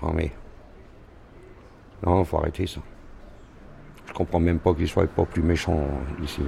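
A man's voice: low-pitched, level tone, measured pace, gravelly, dark tone, a little hiss or hum. A man answering interview questions bluntly and curtly, growing indignant. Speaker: interviewed voter. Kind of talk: street interview.

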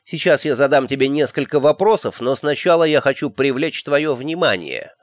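A man's voice: medium pitch, animated, normal speed, dry recording, clean studio sound, natural voice. A man voicing a young queen, speaking in an offhand, breezy way. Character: calm eerie young queen, axe-wielding.

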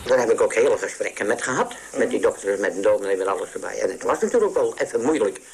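A man in a radio interview whose voice is electronically distorted and pitch-shifted to hide who he is; he speaks hesitantly, with many halting restarts. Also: animated, creaky, darkish tone, breathy edge. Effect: voice distorted to disguise identity, pitch-shifted. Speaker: interviewee, former patient.

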